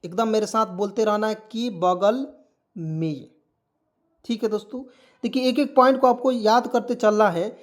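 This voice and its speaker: A man's voice: high voice, unhurried. A man teaching a step-by-step spelling lesson, putting questions to his viewers and answering them himself, addressing them as friends. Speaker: English teacher.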